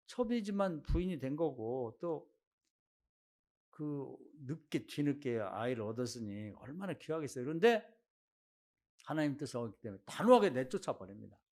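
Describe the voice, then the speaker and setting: Male pastor, sermon, animated storytelling, lively swinging pitch, fairly high voice. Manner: animated storytelling, acting out biblical quotes. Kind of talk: Sunday sermon. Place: church sanctuary.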